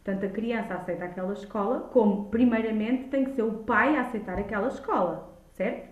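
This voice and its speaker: A woman's voice: fairly high pitch, brisk. A woman with a European Portuguese accent speaking emphatically in a conversational debate, repeating key words for stress. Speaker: childminder and early childhood educator, podcast guest. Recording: echoey room, dull lo-fi sound.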